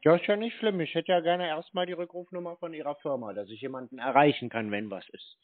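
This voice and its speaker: On a tinny, narrow-band phone line, a man with a slightly high voice talks fast as he confronts a call centre. His manner in the phone conversation is insistent, blunt and colloquial.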